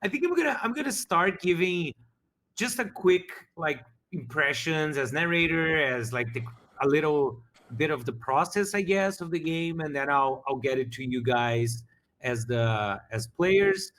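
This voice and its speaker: A game master reflects on his campaign in a casual after-show chat, rambling and restarting often. His fairly high voice is expressive, unhurried and a bit bright.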